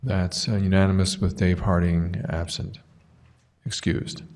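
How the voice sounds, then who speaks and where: A man with a Utah accent runs a city council meeting in a very low voice. He talks haltingly, with lots of ums and restarts. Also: level tone, a little mellow. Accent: Utah English. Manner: halting, many fillers. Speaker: council chair.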